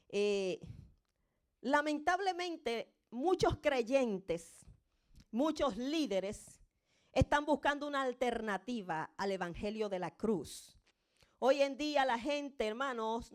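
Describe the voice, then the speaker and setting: A woman preaching a sermon in Spanish to a congregation, fervent and emphatic, addressing them directly as brothers and sisters. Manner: fervent, rising to emphatic peaks then dropping low and slow.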